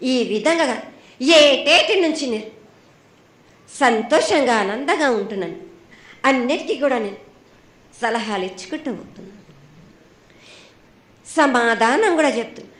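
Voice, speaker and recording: High-pitched Telangana woman oracle in prophetic trance. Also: a bit bright, echoey room. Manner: stern, admonishing, speaks in short repetitive phrases. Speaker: oracle delivering annual festival prophecy.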